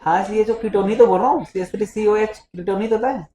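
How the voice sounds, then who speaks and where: A man's voice: sits high, fast, dark tone. A male physics teacher in a casual classroom lecture, teasing and scolding his students as he talks. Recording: echoey classroom.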